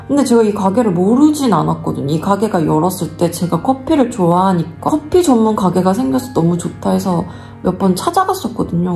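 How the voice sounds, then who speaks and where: A woman's voice: medium pitch, creaky. Korean woman telling a personal story. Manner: animated, acts out dialogue in quotes. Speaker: vlogger.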